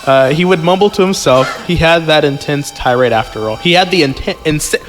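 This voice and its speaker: Reading a story aloud on his podcast, this host stumbles over lines and breaks off to crack jokes and comment. His voice is on the high side, fairly quick and fairly bright, set against music and long reverb.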